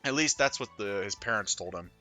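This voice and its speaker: A man's voice: lowish voice, lively intonation, brisk, bright, forceful tone, soft background music. A man hosting a let's play, reading a visual novel aloud and dropping profane, offhand asides. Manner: profane, offhand asides between read lines.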